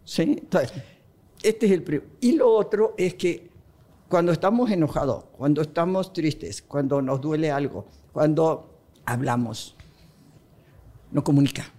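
Woman expert on a podcast, talks lively, acts out little quotes as she explains. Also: sits low, measured pace. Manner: animated, acts out quoted dialogue. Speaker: relationship expert guest.

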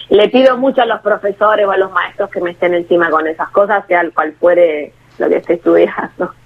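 A woman's voice: fairly low pitch, normal speed. A woman with a Rioplatense Spanish accent, a guest talking casually and self-deprecatingly in a radio interview, with many restarts. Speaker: guest, actress and singer. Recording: tinny phone line.

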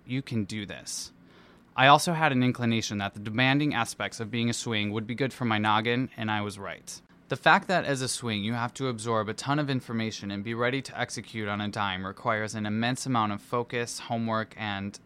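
A musical theatre performer who also works as dance captain reads his personal essay aloud with theatrical, playful self-deprecation. His voice sits at a medium pitch, smooth and fairly bright, moving at a moderate pace.

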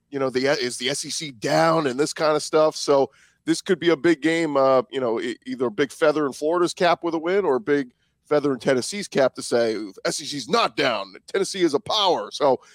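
A man's voice: fairly high pitch, fairly quick, dry recording. Upbeat sports podcast host, man, dry studio sound. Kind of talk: scripted show intro and sponsor read, then panel hosting.

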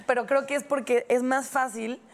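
Thoughtful woman, higher voice. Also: fairly even intonation, moderate pace, slight background noise. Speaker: podcast co-host. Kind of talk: casual chat.

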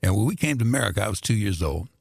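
An older man who was born in Greece and grew up in Indianapolis tells stories as a radio guest in a relaxed, drawling way, with many fillers and frequent laughter. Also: lowish voice, racing, creaky, breathy edge, no echo, studio quality. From born in Greece, raised in Indianapolis. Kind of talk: casual interview storytelling.

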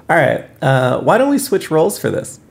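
A man's voice: fairly high pitch, sing-song, unhurried, creaky. A man co-hosting a podcast in casual chat, rambling with plenty of fillers and frequent laughs. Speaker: podcast co-host.

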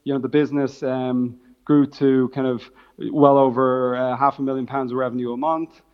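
A man's voice: mid-range voice, level tone, moderate pace, clear, resonant tone. A man with a Dublin accent answers interview questions as a startup founder. His intonation stays very level as he explains things in business jargon. The sound is slightly muffled and band-limited. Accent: Dublin Irish. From Dublin, Ireland.

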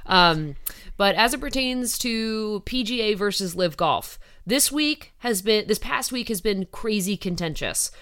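A woman's voice: medium pitch, animated, measured pace, a bit bright. A woman co-hosting a casual sports chat, sounding nasal from a sinus headache and swearing now and then. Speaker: podcast co-host.

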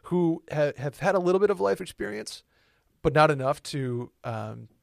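A man's voice: a little high, lively intonation, normal speed, creaky, darkish tone, no room sound, studio quality. A man in his twenties co-hosting a podcast in loose, casual chat that often backtracks and corrects itself. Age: 20s. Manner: loose, rambling, self-correcting. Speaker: podcast co-host.

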